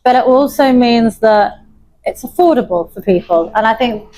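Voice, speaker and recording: A woman's voice: on the high side, lively intonation, moderate pace, dark tone, slight background noise, poor audio. A young adult woman from Wales, a chef and pub owner, talking in an interview with enthusiasm and frequent laughter. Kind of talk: interview conversation.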